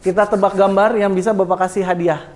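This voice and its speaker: A man's voice: high-pitched, level tone, fairly quick. A man teaching a class of pupils, calling himself Bapak and joking with them in a classroom. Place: school classroom.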